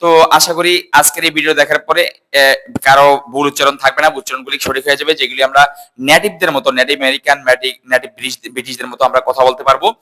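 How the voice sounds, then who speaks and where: Guy teaching english words, bright voice, says each one slow over and over. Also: mid-range voice, fairly even intonation. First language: Bengali. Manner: drills words by repeating them slowly and asking the class. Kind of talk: casual spoken lesson.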